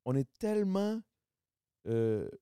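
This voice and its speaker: A man's voice: a little high, sing-song, slow pace, warm tone, clear, resonant tone, no echo, clean studio sound. A man from Quebec with a Québécois accent, hosting a podcast in a casual, teasing conversational style. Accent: Québécois French. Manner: teasing, joking banter. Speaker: podcast host. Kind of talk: casual chat.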